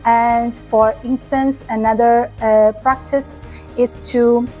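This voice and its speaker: A woman from Portugal, a project partner, talking to camera and calmly listing practical tips for businesses. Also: on the high side, slow, soft background music, low-quality recording. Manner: steady, advisory, lists tips. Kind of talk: talking to camera in a promo clip.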